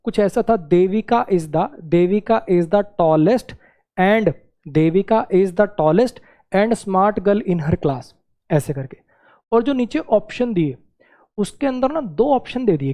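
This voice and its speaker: A man teaching English grammar to exam students, his voice mellow and even. He breaks the lesson into small steps, says example words slowly and keeps asking the class whether it follows. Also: high-pitched. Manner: explains step by step, asks the class questions, repeats words slowly.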